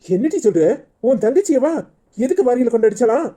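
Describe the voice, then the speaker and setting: A woman's voice: a little high, big pitch swings, brisk, mellow. A woman with a Kanyakumari Tamil accent voicing an exasperated, dismissive husband in a cartoon. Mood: irritated.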